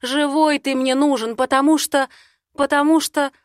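A woman reading an audiobook, voicing an emotional young woman who pleads loudly through tears. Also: steady tone, normal speed, no echo, studio quality, natural voice. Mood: tearful. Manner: pleading, high-pitched, loud. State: tearful.

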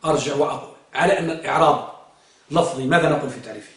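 Speaking very fast at a medium pitch, a man runs a grammar class where he quizzes his students and echoes back their answers. The recording is distant from the mic in an echoey room.

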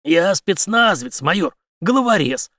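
A man's voice: high voice, sing-song, moderate pace, bright, forceful tone, no room sound, studio quality, pitched above the performer's own voice, heavily acted. A man voicing a confident, mocking male special-forces commander who speaks in a cool, menacing way. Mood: coolly menacing.

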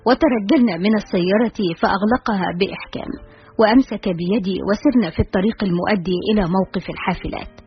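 A woman with an Egyptian accent narrating a novel in the first person, reading briskly and expressively. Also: mid-range voice, lo-fi sound. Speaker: audiobook narrator.

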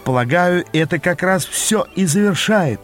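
A man's voice: high-pitched, lively intonation, unhurried, faint music behind, voice pushed up. A man voicing a nervous young male apprentice magician who sounds flustered.

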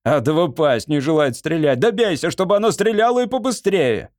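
A man's voice: medium pitch, a little slow, dry recording, clean studio sound, close to an everyday voice. A man voicing an impatient, hot-tempered male lord who barks orders, in an audiobook. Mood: shouting. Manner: shouting, commanding, excitable.

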